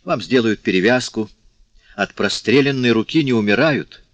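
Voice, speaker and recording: A man's voice: medium pitch, expressive, moderate pace, dry recording, natural voice. A man reading a worried young man. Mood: anxious. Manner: urgent, worried questioning. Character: anxious young man tending a wounded girl. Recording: dry, slightly dull audiobook recording.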